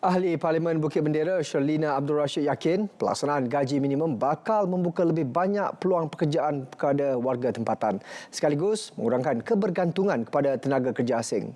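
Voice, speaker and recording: A man's voice: fairly high pitch, brisk, dark tone. A man reading parliamentary news in a formal studio newsreader delivery. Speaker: news presenter.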